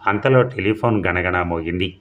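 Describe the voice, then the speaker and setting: Deep-voiced man narrating a suspense story. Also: moderate pace, narrow, tinny audio. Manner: steady storytelling, briefly voicing characters' lines.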